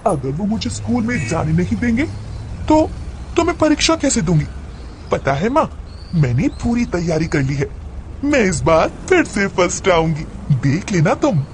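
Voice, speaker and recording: A high, crazed schoolgirl voice, put on by a man, swooping wildly as she taunts in a singsong and cackles. She is pregnant and fixated on her exams, and she shrieks her warnings to other girls in a storybook tale. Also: slight background noise.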